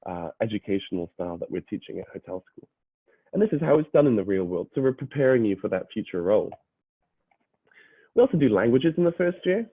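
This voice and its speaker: Speaking to prospective students online, a young university admissions representative who is half British explains things with frequent "uh"s and restarts. His medium-pitched voice is slightly rough, captured dry with no room sound in phone-like lo-fi quality.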